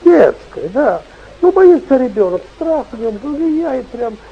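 Older preacher on a dictaphone tape. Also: male voice, extremely high pitch, big pitch swings, slow, gravelly, husky, lo-fi sound. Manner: rambling, repetitive folksy preaching. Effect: old dictaphone tape recording. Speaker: bishop. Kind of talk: sermon.

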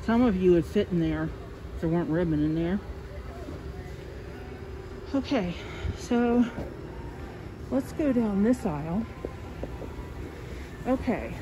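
A woman giving a casual, chatty vlog tour of a store, her voice muffled by a face mask as she walks around filming. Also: mid-range voice. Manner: chatty, apologetic, speaking while walking around filming. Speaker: shopper hosting a store tour video. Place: inside a large store. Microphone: handheld phone camera. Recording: noisy store ambience, phone recording.

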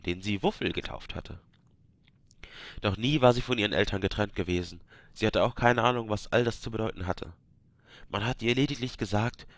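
Reading a fantasy game book aloud, this man pauses from time to time to crack jokes with listeners. His somewhat low voice has a bit of brightness, and there is no room sound in the recording.

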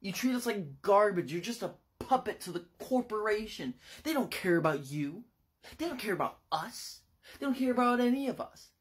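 A podcast host voicing an enraged young male office worker who turns gunman, with a shouting, bitter rant. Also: mid-range voice, level tone, moderate pace, natural voice. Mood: ranting fury.

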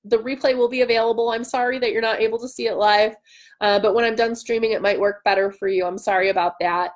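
Her fairly high voice stays steady in tone and moves quickly as she hosts a casual livestream. In her thirties, she responds to viewers with enthusiasm and self-mocking humor, seated indoors at home by a window.

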